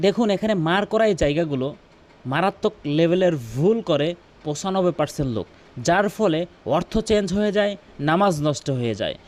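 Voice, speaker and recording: High-voiced man teaching Quran pronunciation. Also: a little mellow. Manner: repeats words slowly to show right and wrong pronunciation; drawn-out melodic recitation in demonstrations. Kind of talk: tajweed lesson with demonstrations.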